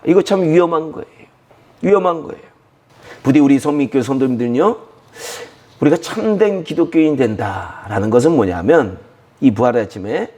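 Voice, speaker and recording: Middle-aged man, pastor giving a sermon, slightly high-pitched, emphatic, self-answering questions. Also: darkish tone. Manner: emphatic, repeats key phrases, asks and answers his own questions. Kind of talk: Sunday sermon.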